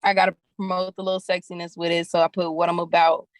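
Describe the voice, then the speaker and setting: A woman's voice: lowish voice, level tone, fast talker, no echo. A young woman, a rapper guest in a casual interview, talking bluntly and candidly with lots of slang and swearing.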